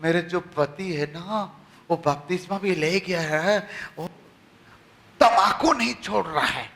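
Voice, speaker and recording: A man doing a soft complaining wife. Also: sits high, slow pace, creaky, heavily acted. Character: worried wife asking for prayer.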